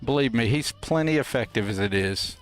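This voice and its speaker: A man's voice: medium pitch, expressive, a little fast, faint music behind. A man hosting a game stream with casual, folksy, playful and rambling commentary. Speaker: host of a gameplay livestream.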